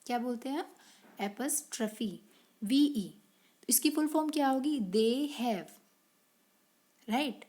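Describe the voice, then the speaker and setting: Slow-talking woman teacher, high voice. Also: animated, darkish tone. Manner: mixes Hindi and English, asks and answers its own questions; slow, drawn-out reading of English sentences. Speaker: English teacher. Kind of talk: explaining a grammar exercise to children.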